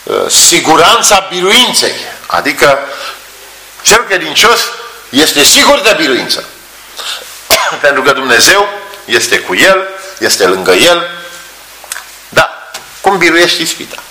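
A man's voice: fairly high pitch, pauses often. A male preacher giving a sermon in a church hall, telling stories and acting out voices. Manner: animated storytelling, acts out voices. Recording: roomy echo.

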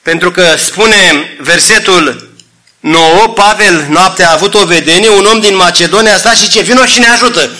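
A man's voice: high voice, bright, forceful tone. A man preaching a sermon to his congregation, fervent and addressing them as brothers, acting out the dialogue of the figures in his story.

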